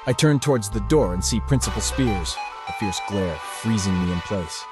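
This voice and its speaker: Over music, a man reads scripted first-person narration for a voiced visual novel as a wry, exasperated, sweary teenage protagonist. His voice is on the low side and expressive, at a moderate pace.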